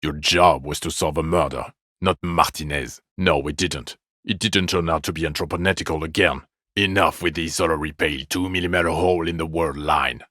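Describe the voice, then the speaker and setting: An exasperated, cynical cop from a video game speaks with contempt and plenty of profanity, his extremely low voice hard and cutting. The tone stays steady and the pace runs a little fast with hardly any pauses, all captured dry without room sound.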